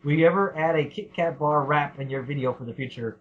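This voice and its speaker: A man's voice: fairly high pitch, fairly quick. A man hosting a casual podcast Q&A, rambling and laughing as he reads out listener questions. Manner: rambling, laughs often, swears. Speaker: podcast host. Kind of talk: casual Q&A chat. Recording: dull lo-fi sound.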